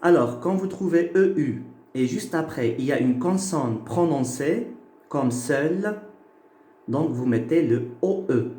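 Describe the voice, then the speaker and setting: A man gives a phonetics lesson in a fairly high-pitched, warm voice, recorded in a room with echo. Slow and patient, he keeps checking in with listeners by asking "ok?" and "d'accord?".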